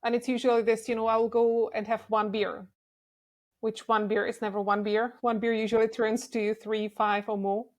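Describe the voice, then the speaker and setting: A young woman from the Czech Republic, talking as a guest in a casual interview, relaxed and candid. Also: fairly high pitch, moderate pace. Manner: relaxed and candid, with frequent restarts and laughs.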